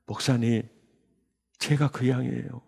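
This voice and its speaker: A man in his sixties, a pastor, telling his testimony in a sermon with emotional storytelling that jumps into high bursts. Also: steady tone, a little slow, gravelly, warm tone, breathy edge. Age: 60s. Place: church sanctuary.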